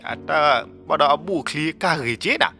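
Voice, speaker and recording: A man narrating a love story in a steady storytelling delivery. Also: moderate pace.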